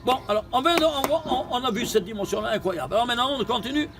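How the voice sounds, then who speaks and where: A man teaching a Torah lesson with gematria, animated and questioning, repeating phrases. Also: extremely high pitch, fast talker, over music. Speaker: rabbi teaching Kabbalah.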